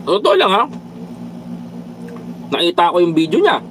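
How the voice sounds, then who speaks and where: High-voiced preachy Filipino vlogger man. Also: wildly swooping pitch, a little slow, fairly bright tone, slight background noise, rough recording. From Philippines. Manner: preachy, repeatedly addresses viewers as brothers and countrymen; mixes English phrases into his talk. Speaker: vlogger reading viewer comments. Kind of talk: casual political commentary livestream.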